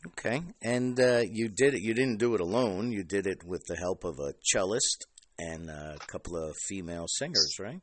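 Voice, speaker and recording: A man hosting a podcast interview, chatting casually and halting with fillers and restarts. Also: low-pitched, a bit bright. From New Jersey. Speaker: podcast host.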